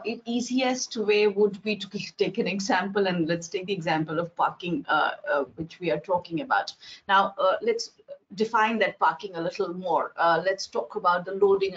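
A middle-aged woman, explaining by example as a panelist on a video call, hesitant and deliberate. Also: lowish voice. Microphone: earphones on video call. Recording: dull video-call audio.

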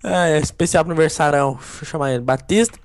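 Fast-talking teasing gamer man, dry mic. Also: on the high side, no room sound. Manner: cheers and teases teammates. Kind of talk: excited gaming chat with friends.

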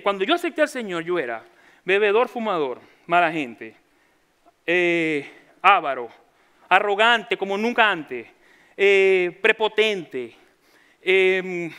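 Bright-voiced Venezuelan preacher, animated. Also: male voice, very high-pitched, smooth. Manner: animated storytelling, acting out quoted voices with humor. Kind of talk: sermon.

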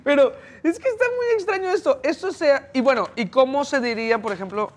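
A man's voice: very high voice, lively intonation, brisk. A Mexican man hosting a casual chat, curious and asking many questions. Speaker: host.

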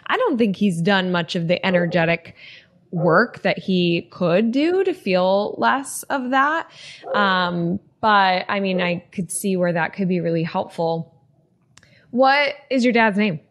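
A woman's voice: medium pitch, expressive, slow. A woman hosting a podcast, interviewing a guest in an enthusiastic, affirming casual manner. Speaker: podcast host.

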